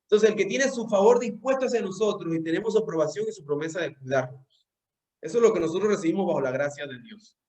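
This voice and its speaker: A man's voice: sits high, animated, quick pace, darkish tone. A young man preaching a sermon, earnest and direct, often repeating words as he searches for the phrasing. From Venezuela. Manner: speaks directly to listeners as "usted".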